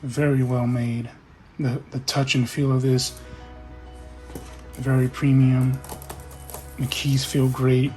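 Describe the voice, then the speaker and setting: A man casually talking through an unboxing in a relaxed, halting way, hosting his own tech video. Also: medium pitch. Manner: relaxed, halting, with fillers and restarts. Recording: music playing behind.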